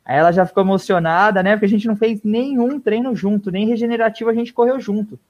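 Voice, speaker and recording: Man, high-pitched talker, animated storyteller in a casual chat who swears freely and lets his voice drop away at the ends of thoughts. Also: fast, lo-fi sound. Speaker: guest runner.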